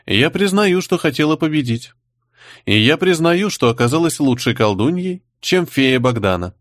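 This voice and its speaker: A man reading the part of a composed young woman who answers an interrogation calmly and with pointed defiance. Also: on the high side, no echo, studio quality, pitched above the performer's own voice. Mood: calm defiant. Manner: calm, measured, pointed.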